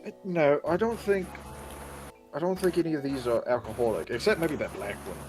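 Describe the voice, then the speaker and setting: A man's voice: fairly high pitch, lively intonation, a little fast, music in the background. A man chatting casually as a player in a tabletop fantasy game, explaining things patiently. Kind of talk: casual in-character game chat.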